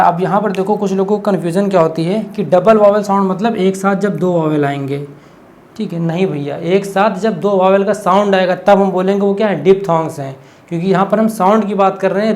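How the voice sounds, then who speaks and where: A man with a high-sitting, somewhat dark voice teaches an exam-prep lesson, walking through it step by step. He keeps asking "what is it?" and then answering himself, with lots of "okay" along the way.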